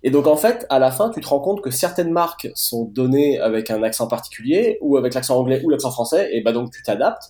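A man's voice: medium pitch, lively intonation, a little fast, hardly any pauses, warm tone, reverberant. A man from France with a French accent, chatting casually as a guest, with many fillers and restarts. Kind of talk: casual conversation.

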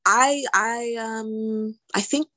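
A woman's voice: a little high, very slow, pushed and bright, dry recording. A woman speaking casually as an interview guest, explaining things conversationally and repeating words for emphasis. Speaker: podcast guest, healthcare lawyer.

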